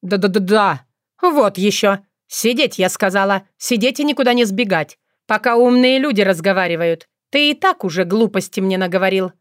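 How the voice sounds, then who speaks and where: A woman's voice: medium pitch, animated, moderate pace, no echo, clean studio sound, natural voice. A woman voicing an elderly fox grandmother who sounds sugary and then snaps into stern, domineering commands. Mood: bossy. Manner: honeyed then sharply bossy. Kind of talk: audiobook character voice.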